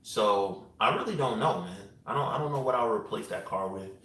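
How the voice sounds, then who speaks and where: A man, hosting a vlog and answering viewer questions in a relaxed, rambling way with lots of fillers. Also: lowish voice, a little fast, distant mic. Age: 30s. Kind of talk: casual live-chat answers. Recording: roomy echo, voice away from the mic.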